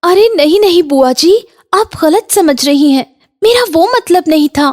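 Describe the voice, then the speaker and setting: A woman's voice: extremely high pitch, animated, unhurried, darkish tone, voice pushed up. A woman voicing a polite young daughter-in-law in a cartoon, eager to please. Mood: flustered. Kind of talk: Hindi cartoon voice acting.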